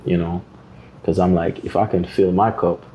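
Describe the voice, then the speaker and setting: The audio is dull with a little hiss or hum as this low-voiced man talks at a moderate pace. With a Jamaican accent, he's a guest artist on a podcast, telling animated stories and doing the voices of other people.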